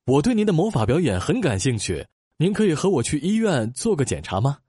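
A woman voicing a curious, polite dolphin doctor in a children's audio story, earnest and exclamatory, with a husky voice. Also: low voice, big pitch swings, fairly quick, warm tone, no room sound, clean studio sound, full character voice.

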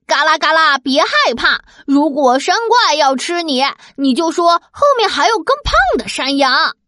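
A woman's voice: high-pitched, moderate pace, bright, forceful tone, no echo, clean studio sound, pitched above the performer's own voice. A woman voicing a clever, cheerful middle goat in a storybook reading, chirpy and coaxing.

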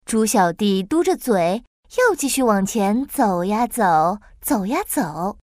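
Woman storyteller, kids' tale, lively sing-song voice, dry close sound. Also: medium pitch, takes it slowly, dry recording. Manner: lilting, expressive storytelling. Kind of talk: children's story narration.

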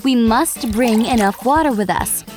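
A woman's voice: a little high, unhurried, a little mellow, faint music behind, close to an everyday voice. A woman voicing a caring mother giving practical advice. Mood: calm. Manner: reassuring, instructive.

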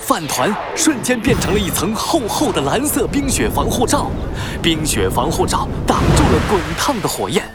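A narrator reading a scripted children's story in a dramatic, expressive way. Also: medium pitch, normal speed, few pauses, loud music behind the voice.

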